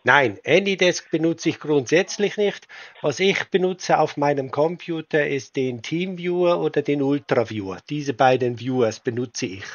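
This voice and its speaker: A man with a somewhat high voice plays dumb and picks at every word, calm and fussy. The recording is dry and dull. He talks slowly and pedantically. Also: dry recording. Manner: slow, pedantic, feigning confusion. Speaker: prank caller baiting a scammer. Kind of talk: prank phone call.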